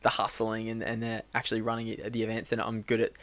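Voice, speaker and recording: A man's voice: fairly low pitch, quick pace, no room sound. A young man who works for a church, chatting casually and telling a long rambling joke, full of fillers and restarts. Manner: relaxed, lots of fillers and restarts. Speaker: church staff member and podcast co-host.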